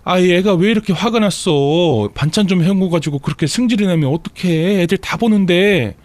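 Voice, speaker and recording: A woman's voice: fairly low pitch, a little fast, darkish tone, dry recording, pitched above the performer's own voice, lightly acted. A man voicing a kind, self-effacing elderly mother-in-law who soothes and pleads, in a story read for radio. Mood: pleading.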